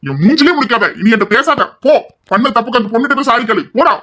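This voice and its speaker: A man's voice: very high voice, animated, racing, pushed and bright, exaggerated voice. A young man voicing male college students in an amateur audio drama, with a confrontational, lecturing manner. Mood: heated.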